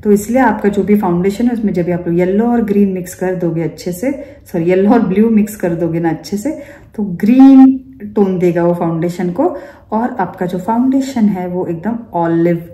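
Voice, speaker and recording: A woman's voice: fairly low pitch, normal speed, mellow. A woman running a makeup class, who explains each step and often asks her students rhetorical questions. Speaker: makeup teacher. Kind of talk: instructional demonstration. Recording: echoey room.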